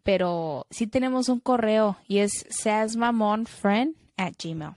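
A woman's voice: mid-range voice, takes it slowly, a little mellow, no room sound, studio quality. A young woman, co-hosting a casual podcast chat and slipping into English phrases. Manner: chatty, mixes in English phrases. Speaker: podcast co-host.

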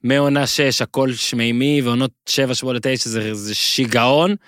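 A man co-hosting a podcast in casual chat, rambling and gushing with excited repeats. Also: mid-range voice, clean tone, no room sound, studio quality. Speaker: podcast co-host.

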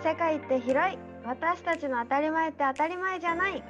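A woman co-hosting a travel podcast, explaining things in quick casual chat with laughs. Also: very high-pitched, lo-fi sound, music in the background. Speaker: podcast co-host.

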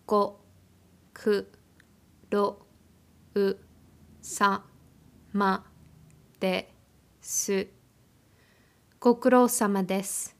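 A woman hosts a podcast in a scripted, measured delivery. She slows down to spell out Japanese phrases syllable by syllable, like a patient teacher. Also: medium pitch. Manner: careful, slow syllable-by-syllable pronunciation of Japanese words. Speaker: podcast host. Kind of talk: scripted podcast intro and language tip.

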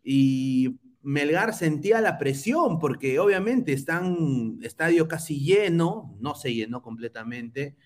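A man hosts a football podcast, chatting casually and poking fun at rival fans. His voice sits a little high for a man. He reads out viewer comments with an easy, mocking edge. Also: expressive, takes it slowly, hardly any pauses. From Peru. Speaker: podcast host.

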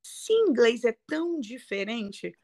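A woman English teacher talks through her ideas with energy and emphasis. Her voice sits fairly high and she stresses key words as she explains. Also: very animated, slow, darkish tone. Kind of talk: conversational interview.

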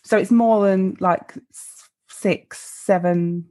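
A woman's voice: medium pitch, fairly even intonation, slow pace, dark tone. A woman co-hosting a podcast, teasing dryly and laughing often in casual chat. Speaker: podcast co-host.

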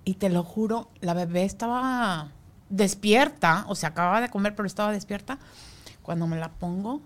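A woman sharing an emotional personal story as a guest, speaking haltingly and dropping almost to a whisper at tender moments. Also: medium pitch.

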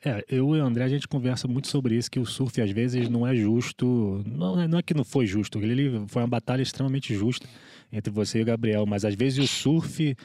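A man's voice: mid-range voice, fairly quick, mellow, no room sound. Male Brazilian podcast host, mid-range voice, very dry sound, informal and conversational, circles into his questions. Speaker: podcast interviewer. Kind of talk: casual conversational interview.

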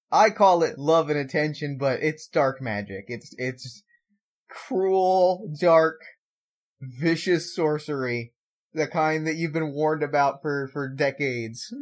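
Higher-pitched man in playful podcast chat. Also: slow pace. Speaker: podcast co-host. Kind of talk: casual chat, explaining game rules.

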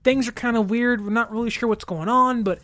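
Casting: sports commentator, mid-pitched voice, casual and conversational solo talk with rhetorical check-ins, dry close mic. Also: steady tone, brisk, fairly bright tone, no room sound. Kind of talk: casual football commentary monologue.

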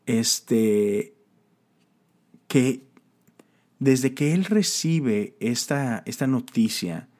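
A man's voice: medium pitch, a little mellow. A man giving a casual, conversational sermon, full of fillers and emphatic exclamations. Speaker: preacher.

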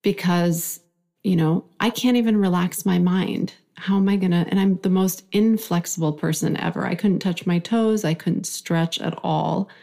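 With a fairly low, warm voice touched by vocal fry, she talks at a moderate pace. The guest, an Iranian woman in her forties who grew up speaking Farsi, recounts her life thoughtfully in a conversational interview.

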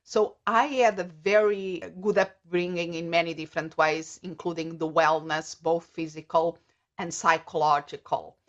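Middle-aged Portuguese-accented woman, a native Portuguese speaker, as an interview guest; thoughtful, a bit low in pitch, dull lo-fi recording. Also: steady tone. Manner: thoughtful, measured, searching for words. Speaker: guest, coach. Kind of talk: casual interview.

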